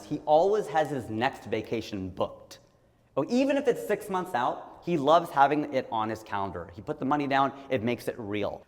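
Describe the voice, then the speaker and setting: In a medium-pitched voice with a long reverb tail, a fortysomething man from Ohio, USA jokes his way through a conversational, stand-up style motivational talk. He acts out each person he quotes.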